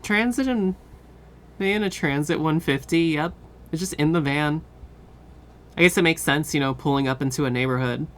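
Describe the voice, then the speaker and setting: Tired, low-voiced woman streamer. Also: normal speed, pauses often. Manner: relaxed, drowsy, swears casually, trails off. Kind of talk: casual chat with live viewers.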